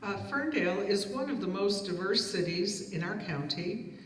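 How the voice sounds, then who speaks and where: A woman's voice: medium pitch, expressive, moderate pace. A woman moderating a candidate forum, formally reading out questions. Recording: echoey hall, mic far off.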